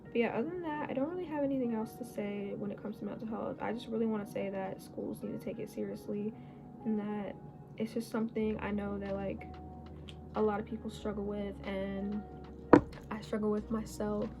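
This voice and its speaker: A teenage girl in a casual get-ready-with-me chat, rambling and correcting herself as she goes, her voice a little hoarse, recorded on a phone. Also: mid-range voice, steady tone, brisk, music in the background, rough recording. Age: late teens. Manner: rambling, chatty, self-correcting. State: slightly hoarse. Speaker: beauty vlogger. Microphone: phone camera.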